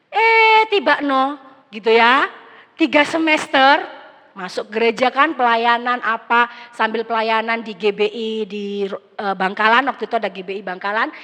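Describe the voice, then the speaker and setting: A young woman pastor preaches in a high, bright voice, telling her story in a lively, chatty way. Her words carry a long reverb from the big church hall around her. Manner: conversational, animated storytelling with quoted dialogue. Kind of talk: sermon with personal testimony.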